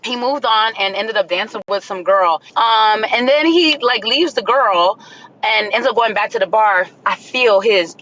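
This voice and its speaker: A woman ranting to camera in a casual, animated way, telling a story and breaking into shrill screams. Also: measured pace, lo-fi sound. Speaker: social media poster.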